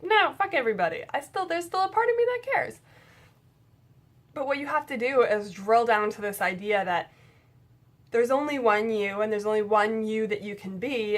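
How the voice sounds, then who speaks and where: A young woman talking casually to camera about writing, frank and chatty, swearing now and then. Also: mid-range voice. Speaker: writing vlogger.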